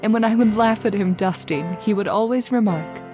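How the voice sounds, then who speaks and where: In an old-time radio horror drama, a woman narrates in first person as a lonely, romantic daughter of twenty-one, wistful and formal. Her medium-pitched voice, lightly acted at normal speed, plays over music.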